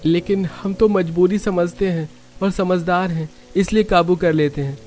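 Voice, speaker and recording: A man's voice: high voice, steady tone, moderate pace, a little mellow, natural voice. A man voicing a poor, patient village father in a cartoon, speaking in a resigned, earnest way.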